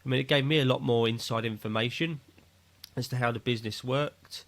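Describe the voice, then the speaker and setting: A man's voice: medium pitch, steady tone, brisk. A man co-hosting a podcast, chatting casually and ribbing his co-host, swearing freely. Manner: joking, banter-heavy, swears freely. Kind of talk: casual chat.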